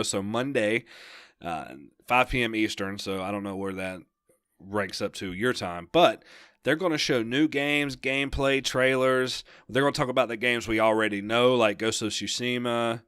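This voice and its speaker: A man's voice: lowish voice, fairly bright tone, clean tone, no room sound, clean studio sound. A young man co-hosting a casual gaming podcast, rambling and enthusiastic, laughing often. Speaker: podcast co-host.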